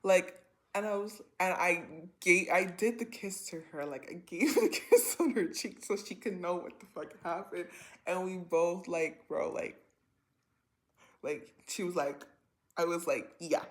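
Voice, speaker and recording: A woman in her twenties telling a personal story to camera in a rambling, animated way, full of slang and filler words. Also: lowish voice, measured pace. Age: 20s. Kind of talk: casual storytime vlog.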